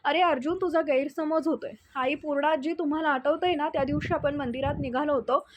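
A woman's voice: high-pitched, steady tone, a little fast, background noise, natural voice. Woman reading as a scheming young daughter-in-law. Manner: accusing, insistent.

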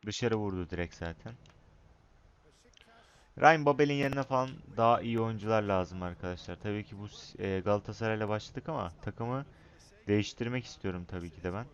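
A young man commentating his own football video game match, excitable, shouting at his players and chatting to viewers. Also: on the low side, brisk, lo-fi sound. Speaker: gaming YouTuber.

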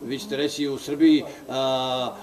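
A man explaining points in a group discussion, talking quickly and gesturing, picked up by a distant camera in a meeting room. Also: medium pitch, flat delivery, darkish tone. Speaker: parliament staff member. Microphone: far camera.

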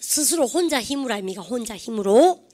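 A woman teaching an English grammar lecture, quizzing her class with lively rhetorical questions. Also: fairly high pitch, a little fast.

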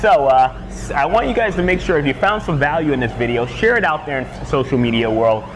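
An energetic young male fitness coach pitches healthy meals to the camera in a slightly raised voice, gesturing as he talks. Faint background noise sits under the camera mic. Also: brisk. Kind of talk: upbeat fitness vlog presenting. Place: outside a restaurant, then at a table indoors.

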